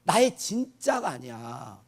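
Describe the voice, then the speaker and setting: Animated, husky-voiced Korean pastor preaching. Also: male voice, a little high, slow. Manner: emphatic, asks the congregation questions and answers them; swings between hushed asides and shouted declarations. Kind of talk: sermon.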